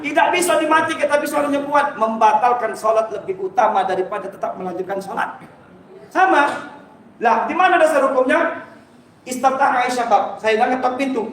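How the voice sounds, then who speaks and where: A man with a Palembang Malay accent delivers a dawn mosque sermon in a strikingly high voice. He jokes and demonstrates his examples, chuckling as he goes. The sound is heavily echoey and captured from far off in the mosque. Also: fairly quick, fairly bright tone, slight background noise. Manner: joking, demonstrative, chuckling between points. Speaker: preacher. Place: mosque hall.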